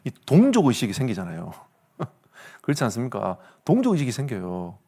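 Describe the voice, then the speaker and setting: Male pastor, Gyeongsang accent, preaching with an expressive, swooping pitch and jokey asides. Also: brisk. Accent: Gyeongsang Korean. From South Korea. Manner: animated storytelling with comic asides and laughter. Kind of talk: sermon.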